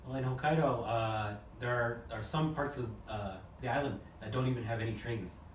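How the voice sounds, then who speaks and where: A man's voice: mid-range voice, normal speed, a little hiss or hum. A man from New Jersey working as a recruiter, talking in an easygoing casual panel chat, with many uhs. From New Jersey, United States. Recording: echoey room, mic at a distance.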